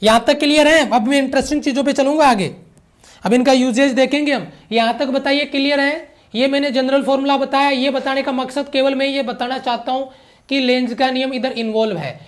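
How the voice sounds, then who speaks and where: A man's voice: very high-pitched, steady tone, fairly quick. A man giving an online physics lecture who repeats key phrases, mixes English physics terms into his explanation and keeps checking that the students follow. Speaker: physics teacher.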